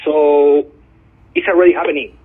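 A man's voice: on the high side, level tone, normal speed, slight background noise. A man from Chile, a guest journalist speaking over the phone in an interview, talking earnestly with many hesitant ums. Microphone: telephone. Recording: tinny phone line.

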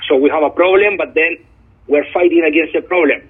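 A man from Chile joins an interview by phone as a guest journalist, earnest and prone to hesitant ums. He talks briskly in a husky voice on the high side, and the line comes through tinny.

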